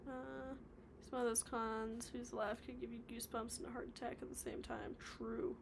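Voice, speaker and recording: Against a noisy background, a woman with a creaky, higher-leaning voice chats her way through a stop-motion livestream. She reads out viewer comments, rambles and mumbles little asides while animating on the floor of her home workspace.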